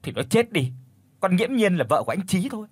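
A man voicing a spoiled, wicked young village woman in a ghost story, shrill and demanding. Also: expressive, normal speed, breathy edge, dry recording.

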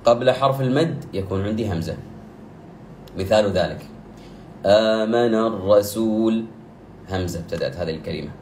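A man teaching the rules of Quran recitation. He explains methodically, repeats key terms, corrects errors firmly, and chants examples with long drawn-out vowels. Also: sits low, a little mellow. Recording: echoey room with faint background noise.

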